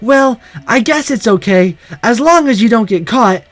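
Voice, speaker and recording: A man's voice: very high voice, animated, a little slow, a bit bright, faint music behind, pitched above the performer's own voice, full character voice. A man voicing a prim, chiding female student council member in a visual novel. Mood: scolding.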